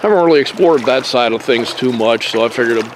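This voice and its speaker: A man casually narrating a nature hike outdoors by a creek, in a relaxed, rambling way with fillers and mild swearing, recorded on a handheld camera. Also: mid-range voice, quick pace. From Pennsylvania. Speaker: nature vlogger. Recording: faint outdoor noise on a camera mic.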